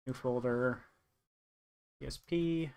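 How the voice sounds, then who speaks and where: A man's voice: medium pitch, slow, gravelly, a little mellow, smooth. A young man chatting casually on a live stream, thinking aloud and rambling with lots of fillers.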